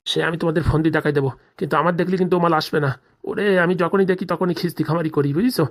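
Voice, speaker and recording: In a natural, fairly high voice with fairly even intonation, a man speaks at a rapid-fire clip, playing a cartoon comedy's indignant, scheming forty-year-old villager. This jilted husband complains and swears in rustic colloquial speech.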